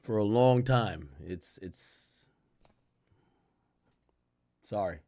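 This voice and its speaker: This livestream host, a Jamaican-born man in his thirties, sits indoors at home in a headset, chatting to viewers in a profane, slang-heavy, wandering way. His voice is lowish and dark, and he talks extremely slowly.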